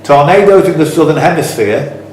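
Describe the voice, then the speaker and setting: This quizmaster speaks in a slightly high, darkish voice, animated and at normal speed, reading questions with teasing, blunt, casual banter. He's in an indoor club room whose heavy echo fills the recording, along with faint background noise.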